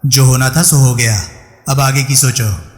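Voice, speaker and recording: Brief: narrator as a jittery getaway driver, cautious delivery, roomy echo. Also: male voice, mid-range voice, fairly even intonation, a little slow, natural voice. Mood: uneasy. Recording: echoey room with long reverb.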